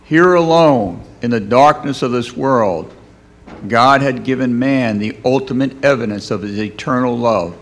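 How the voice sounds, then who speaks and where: A man's voice: medium pitch, unhurried. A man giving scripted dramatic narration of a Bible story in a solemn, declamatory manner.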